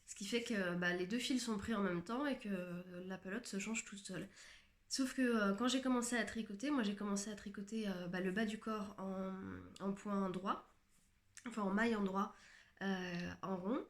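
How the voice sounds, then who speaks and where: A woman's voice: medium pitch, normal speed. A woman hosting a knitting podcast, chatting casually to the camera, hesitant and full of fillers and restarts, with a self-mocking touch. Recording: echoey room.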